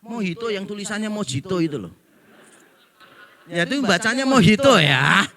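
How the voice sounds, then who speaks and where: A man's voice: high-pitched, lively intonation, moderate pace, bright, forceful tone. A middle-aged male pastor, preaching a humorous sermon and acting out the people he quotes. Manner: joking storyteller, acts out quoted people.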